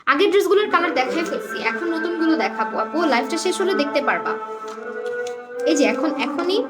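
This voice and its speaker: Chatty high-voiced woman selling clothes live. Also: lively intonation, brisk, over loud music. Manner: chatty, reads out viewer comments and names, mixes English words. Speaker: online clothing seller on a live stream. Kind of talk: casual live-stream sales chat.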